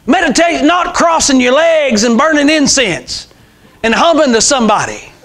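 A man in his sixties with a strikingly high, fairly bright voice preaches a fervent, informal, unscripted sermon at normal speed, very animated throughout. He hammers key phrases, calls out amens and fires rhetorical questions at his congregation. A clip-on lapel mic records him in a small indoor church sanctuary.

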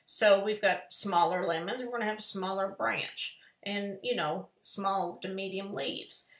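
A woman's voice: mid-range voice, fairly even intonation, measured pace, a bit bright. A woman, giving a chatty, folksy step-by-step painting lesson in a live tutorial. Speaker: painting teacher. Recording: echoey room.

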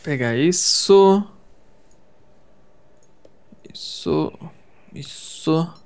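Excitable Brazilian gamer man. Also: fairly high pitch, extremely slow, creaky, smooth. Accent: Brazilian Portuguese. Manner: playful, exclamatory, thinks aloud while crafting. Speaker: gamer co-playing. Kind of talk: casual gaming chat.

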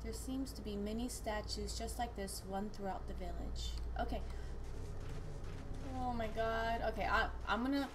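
A woman's voice: on the high side, normal speed. 20s girl doing a let's play, casual and sweary, pretty noisy audio. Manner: informal, reactive, sweary. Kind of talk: casual gameplay commentary, reading on-screen text aloud. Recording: clearly noisy home recording.

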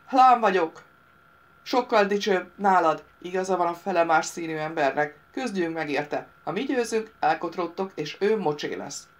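A woman voicing a vain, sly male mercenary leader who shouts his boasts in an audiobook. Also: fairly low pitch, hardly any pauses, natural voice. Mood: boastful.

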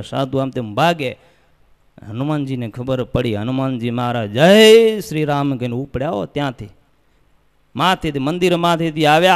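A man with a Gujarati accent from Kutch, preaching as he tells a religious story in a temple hall, lively and acting out the voices and cries in the tale. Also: medium pitch, clear, resonant tone. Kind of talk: storytelling sermon. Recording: long hall reverb.

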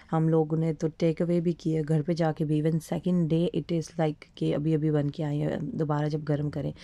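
A woman's voice: deep voice, mellow, dry recording. A woman in her thirties with a Pakistani Urdu accent, chatting through a vlog voice-over with many fillers and English phrases mixed in. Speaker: vlogger. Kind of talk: casual voice-over narration.

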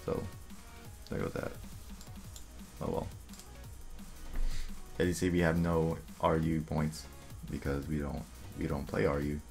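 A young man casually commentating his own online game, thinking aloud and muttering quick asides to himself. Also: extremely low pitch, little pitch movement, gravelly, a little mellow. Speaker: gaming video creator. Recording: faint music underneath.

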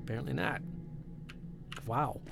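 A male game streamer talks casually over his gameplay, joking at his own expense and greeting his viewers. His voice has a gravelly, fried edge at an ordinary male pitch. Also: unhurried, noisy background. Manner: playful, self-mocking, chatting to viewers. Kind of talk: casual live-stream commentary.

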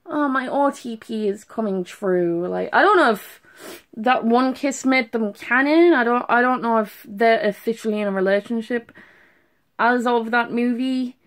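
A woman's voice: a little high, normal speed. Emotional young woman, just done crying. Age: young adult. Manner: emotional gushing with restarts and trailing thoughts. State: has just been crying. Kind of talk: casual video review to camera. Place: small bedroom at home, indoors. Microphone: phone at arm's length.

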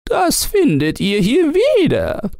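Give me a kind little storybook turtle, very slow, with a creaky edge. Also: male voice, wildly swooping pitch, darkish tone, dry recording, clean studio sound, full character voice. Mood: gentle. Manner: slow, high, singsong and formal. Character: small grateful sea turtle, gentle and kind.

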